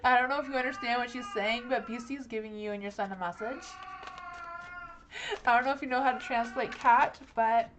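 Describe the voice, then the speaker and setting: A young woman reads tarot cards on a live stream. Her voice sits a little high, and she talks in a loose, rambling way, full of likes and ums. A faint hiss runs under the recording. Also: brisk. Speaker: tarot reader.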